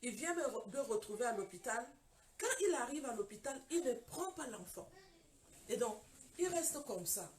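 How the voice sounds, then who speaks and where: High-voiced woman preacher telling her story. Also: expressive, normal speed, darkish tone. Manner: dramatic storytelling, acts out dialogue. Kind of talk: testimony sermon.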